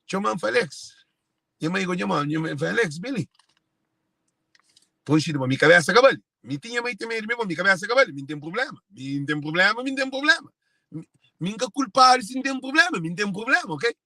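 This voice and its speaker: A man's voice: sits high, expressive, fairly quick, pushed and bright, no room sound. A Cape Verdean man speaking in an emotional monologue to viewers, repeating and circling back to his phrases. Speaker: speaker sharing personal family story.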